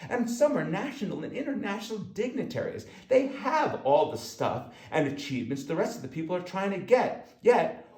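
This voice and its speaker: Speaking emphatically straight to the listener, this author reads his own self-help audiobook in a high, slightly mellow voice. The room sounds echoey.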